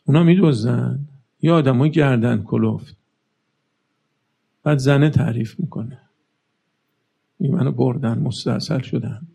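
Male preacher, very gravelly, dark husky voice, fervent rhetorical questions, sermon. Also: medium pitch, long pauses. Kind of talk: religious sermon.

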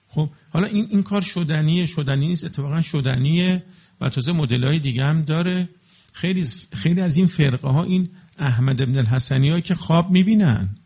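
Gravelly-voiced male preacher. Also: fairly high pitch, darkish tone. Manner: explains with everyday examples and rhetorical checks on listeners; recites Arabic blessings in slow chant. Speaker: religious preacher. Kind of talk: colloquial religious talk to an audience.

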